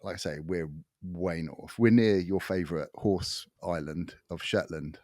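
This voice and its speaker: A very low-voiced man chatting casually as a podcast co-host. His voice sounds close and dry, and he swears freely, laughing at his own stories as he mimics the people he talks about. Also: measured pace, a little mellow, no room sound. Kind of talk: casual chat. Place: home in the far north of Scotland.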